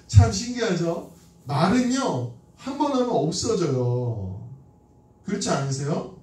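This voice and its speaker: A man preaches in a church, telling stories in an easy, conversational way and asking his listeners questions. His voice sits high but sounds mellow. It is heard from a distant mic, with strong room echo. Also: big pitch swings, takes it slowly. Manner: conversational, asks the congregation questions, acts out quoted lines. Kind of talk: sermon with storytelling. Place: church sanctuary. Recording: echoey hall from a distant mic.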